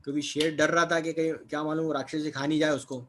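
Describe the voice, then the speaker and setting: Guy teaching kids a textbook chapter, kinda high voice, keeps asking then answering, lots of little check-ins. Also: level tone, fast talker, fairly bright tone, a little hiss or hum. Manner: asks questions then answers them, repeats words with "है ना" and "ठीक है". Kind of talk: explaining a textbook lesson.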